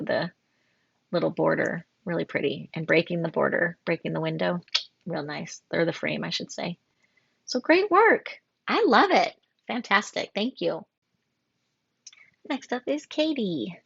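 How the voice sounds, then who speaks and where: Gravelly-voiced woman giving gushing design critiques. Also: on the low side, dry recording. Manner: warm, effusive praise with frequent fillers and self-corrections. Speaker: graphic design instructor. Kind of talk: recorded assignment critique. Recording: dull lo-fi screen recording.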